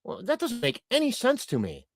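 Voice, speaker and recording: Hosting a casual livestream, a native Croatian speaker reads out chat in a rambling, chatty style full of fillers and restarts. His voice is extremely high with huge pitch swings, and he talks at a moderate pace. The recording is dry.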